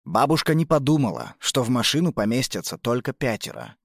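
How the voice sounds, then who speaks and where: A woman voicing a grumbling, cautious father in a children's story, dropping her voice low. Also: sing-song, fairly quick, no room sound, studio quality, exaggerated voice. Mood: stern.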